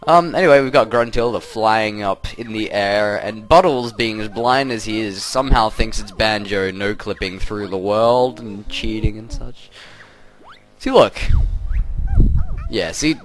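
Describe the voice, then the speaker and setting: A man's voice: fairly low pitch, a little slow, faint music behind. A young man doing casual, rambling let's play commentary, often cutting himself off. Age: young adult. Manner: rambling, self-interrupting, chuckly.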